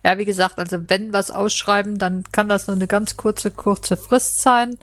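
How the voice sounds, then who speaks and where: A woman chairing a party board meeting, speaking in a measured way with hesitant fillers. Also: mid-range voice, fairly even intonation, a bit bright, no echo, studio quality. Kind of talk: meeting discussion.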